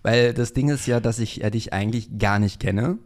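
A man hosts a laid-back podcast interview in a room of a Berlin flat, his mid-range voice moving at normal speed. He chats freely, often filling gaps and correcting himself.

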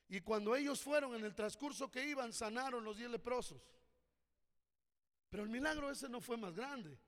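A man's voice: extremely high pitch, moderate pace, fairly bright tone. A man preaching a fervent sermon as pastor, urging his congregation on. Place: church hall. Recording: reverberant church hall.

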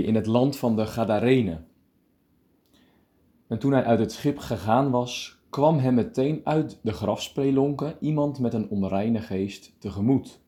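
A male preacher giving a calm radio meditation, reading scripture deliberately and explaining it. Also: medium pitch.

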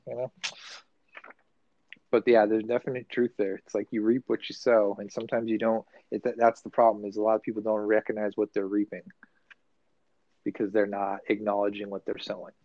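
A man's voice: fairly low pitch, completely flat delivery, a little fast, no room sound. Rambling, swearing man on a podcast. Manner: rambling, profane, loose and self-correcting. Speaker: podcast co-host. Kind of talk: casual podcast chat. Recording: dull, dry recording.

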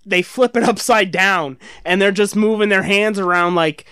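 A man's voice: sits high, normal speed, pushed and bright, smooth, no room sound, clean studio sound. A man chatting casually on a podcast, telling rambling stories full of slang and swearing. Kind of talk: casual chat among friends on a podcast.

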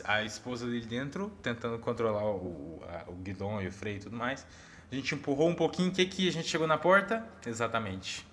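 A Brazilian-accented male missionary with a mid-range voice tells a personal story, casual and animated, speaking directly to his audience. The audio has a little hiss or hum.

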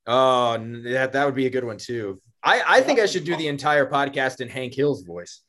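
A man's voice: medium pitch, expressive, moderate pace, fairly bright tone. A young man co-hosting a casual podcast, rambling with fillers and laughs. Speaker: podcast co-host.

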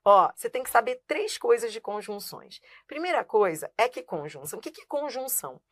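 A woman's voice: a little high, expressive, brisk. Woman teaching grammar, checking in often. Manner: asks herself rhetorical questions and answers them; keeps checking in with the viewer and says "look" while writing on a board. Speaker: Portuguese teacher. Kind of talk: live online grammar class.

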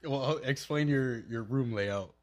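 A man's voice: medium pitch, takes it slowly. A young man co-hosting a podcast, chiming in with laid-back, chuckling remarks. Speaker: podcast co-host. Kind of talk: casual chat.

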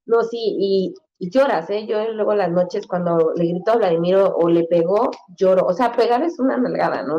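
A woman's voice: on the low side, mellow, muffled recording. Chatty woman in her thirties. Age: 30s. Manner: chatty, many fillers, acts out quotes in a raised voice. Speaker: guest. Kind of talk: casual conversation.

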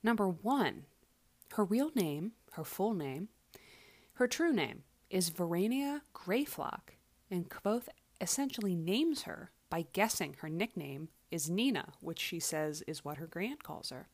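A woman hosting a solo book podcast in an echoey space, speaking in a measured, deliberate way with dramatic pauses. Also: fairly low pitch, expressive. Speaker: podcast host. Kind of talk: podcast monologue, book commentary. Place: away from usual podcast setup, echoey room. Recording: echoey makeshift recording space.

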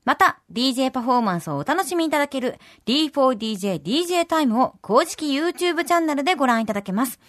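A woman with a Kansai accent co-hosting a radio program, with a high, animated voice that swings widely in pitch. She reads announcements and chats at a quick clip. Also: no room sound, clean studio sound. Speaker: radio host. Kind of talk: radio show chat and announcements.

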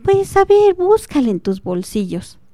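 A woman's voice: extremely high pitch, very animated, measured pace, dark tone, dry recording, clean studio sound, voice pushed up, heavily acted. Woman voicing a sweet stubborn little girl. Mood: childlike. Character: young girl selling a cloud, sweet and stubborn.

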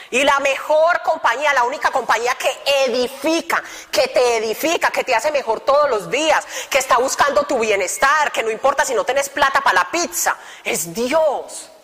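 A young woman giving an animated, joking testimony talk to young people, full of colloquial asides. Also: high-pitched, normal speed. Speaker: speaker giving testimony to youth. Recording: reverberant hall.

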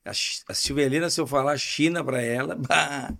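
A man's voice: fairly high pitch, moderate pace, gravelly, a bit bright. A man with a Rio Grande do Sul accent hosting a podcast, jovial and full of regional slang in casual chat. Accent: Rio Grande do Sul Portuguese. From southern Brazil. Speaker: podcast host.

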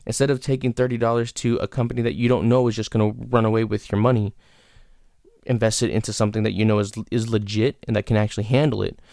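A man's voice: fairly low pitch, little pitch movement, fast talker, gravelly, darkish tone, no echo, studio quality. A man hosting his own podcast, giving frank, rambling advice with lots of fillers and restarts. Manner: frank, casual swearing. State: has the hiccups. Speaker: podcast host. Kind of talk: casual solo podcast advice.

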